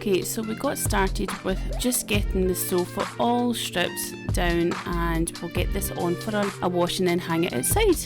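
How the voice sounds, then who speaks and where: A woman with a hoarse, half-lost voice giving a chatty, upbeat running commentary while cleaning her home for a vlog. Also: mid-range voice, moderate pace, hardly any pauses, loud music behind the voice. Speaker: cleaning vlogger. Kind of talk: casual vlog chat.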